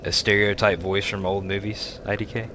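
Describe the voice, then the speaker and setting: Talking at a normal speed in a lowish voice, this streamer, a man in his thirties, gives relaxed commentary on his gameplay. He chats with his viewers and laughs often, and there's constant background noise in the recording.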